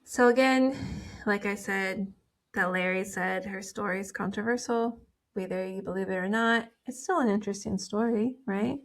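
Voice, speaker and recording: A woman's voice: medium pitch, normal speed. A woman co-hosting a podcast, chatting casually and telling stories in a rambling, giggly way. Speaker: podcast co-host. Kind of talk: casual chat.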